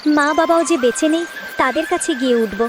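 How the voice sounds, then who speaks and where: A woman voicing a gentle, plaintive, downtrodden young village wife in a cartoon fairy tale. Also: high-pitched, brisk, over music, natural voice. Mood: sorrowful. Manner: plaintive, tender.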